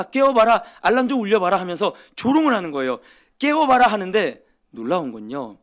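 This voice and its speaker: A man preaching a sermon in church, swinging from loud emphatic cries to quiet asides. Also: on the high side. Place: church sanctuary.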